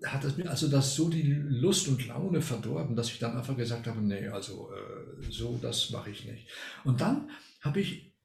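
A man's voice: medium pitch, expressive, moderate pace, creaky, roomy sound. An older man from Argentina, a retired music professor, telling a story at length as an interview guest, with frequent hesitation fillers. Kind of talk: casual interview.

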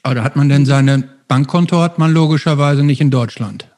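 Mellow man with wry questions. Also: mid-range voice, brisk. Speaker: co-host. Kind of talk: casual interview.

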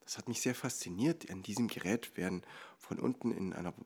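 A man teaching music in a relaxed lesson. He explains rhythm calmly, counts the beats out loud, and drops to a whisper on the light beats. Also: on the low side, fairly quick, slightly rough. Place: recorded at home and outdoors on location.

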